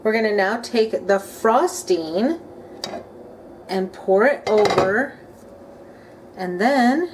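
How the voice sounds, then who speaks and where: With a mid-range voice, a woman in her thirties chats upbeat while cooking a recipe at home and thinking aloud. She's a home cooking vlogger giving casual cook-along narration in her indoor kitchen, with the clear sound of clinking cutlery, pots, dishes and utensils behind her.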